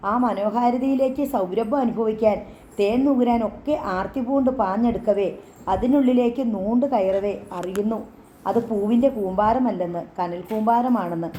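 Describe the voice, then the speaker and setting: A woman narrating a story audiobook in a measured, dramatic manner. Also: on the high side, warm tone, slight background noise. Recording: echoey, slightly dull recording.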